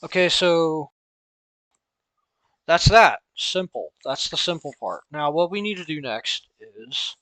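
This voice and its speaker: A man's voice: a little high, big pitch swings, slow pace, pushed and bright, no room sound. A man with a Southern US accent talking through logic notation in a casual, thinking-aloud tutorial with chuckling asides. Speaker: math logic streamer. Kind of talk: casual screen-recorded tutorial.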